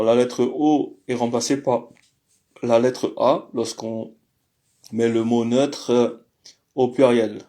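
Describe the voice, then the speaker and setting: A man teaching a language lesson in a hesitant way, with many fillers and slow, careful pronunciation drills. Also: mid-range voice, mellow.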